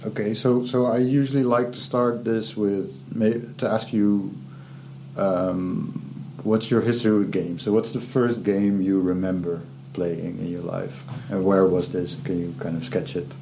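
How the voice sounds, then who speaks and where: A man's voice: sits low, fairly even intonation, a little slow, warm tone, a little hiss or hum. A man hosting an interview, asking curious, easygoing questions. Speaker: interview host. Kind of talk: casual interview chat.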